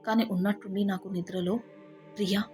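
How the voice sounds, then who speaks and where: A woman telling a first-person family story in a steady, heartfelt way. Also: medium pitch, moderate pace. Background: faint background music.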